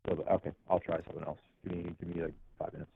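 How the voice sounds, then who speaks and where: A young man from New York phones in to a live stream, and his rushed, low voice comes through muffled, as if from behind a wall. The line is tinny and keeps breaking up. He talks flat and very fast in short replies. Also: vocal fry, husky, dry recording. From New York, United States. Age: 20s. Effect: muffled and glitchy, as if heard through a wall. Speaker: caller. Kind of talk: call-in conversation on a live stream.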